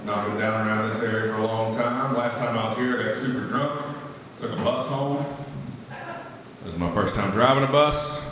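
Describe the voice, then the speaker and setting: A man with a West Virginia Appalachian accent doing a stand-up comedy set on a club stage, drawling and self-deprecating with deadpan asides. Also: fairly low pitch, moderate pace, slight background noise. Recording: roomy hall, reverb.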